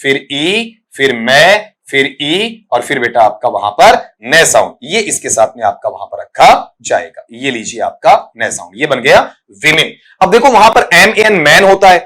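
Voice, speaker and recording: A man's voice: on the high side, fairly bright tone. A man with an Indian accent teaching English pronunciation for exam prep, breaking words into sounds step by step and calling his students "beta". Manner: explains step by step, often addresses students as "beta".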